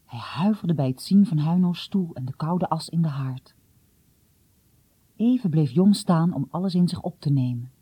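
A woman reading a story aloud in a hushed, often half-whispered, suspenseful way. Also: deep voice, lively intonation, normal speed, slightly rough, no room sound. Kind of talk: dramatic read-aloud storytelling.

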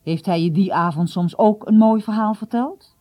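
A woman's voice: mid-range voice, moderate pace, warm tone, no echo, natural voice. A woman voicing a stern, cool middle-aged father who questions his son seriously.

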